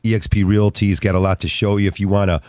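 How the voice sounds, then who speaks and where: A man's voice: on the low side, little pitch movement, quick pace, darkish tone, dry recording, studio quality. A man hosting a casual radio talk show, upbeat as he walks through mortgage numbers step by step.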